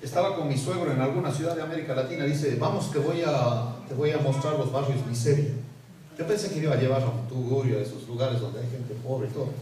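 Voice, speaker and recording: A pastor preaching a sermon, telling a story with humor and lively delivery. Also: male voice, mid-range voice, fast, distant mic. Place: church. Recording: echoey church hall from afar.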